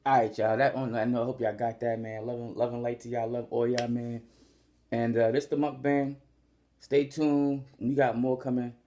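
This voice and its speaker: A man's voice: mid-range voice, flat delivery, warm tone. A young man hosting his own vlog, chatting casually and slangily to viewers, repeating and drawing out words as he explains things. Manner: laid-back, repetitive, slangy, drawn-out spelling of his name. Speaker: vlogger, channel host. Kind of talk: casual direct-to-camera chat.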